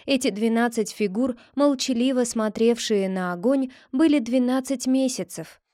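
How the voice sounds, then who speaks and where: A woman narrating a fairy tale aloud in a calm, even storytelling manner. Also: a little high, normal speed, dry recording, clean studio sound.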